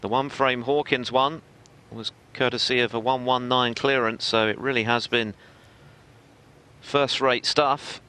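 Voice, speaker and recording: A man giving live snooker commentary in a measured, analytical manner. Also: mid-range voice, fairly even intonation, pushed and bright, clear, resonant tone.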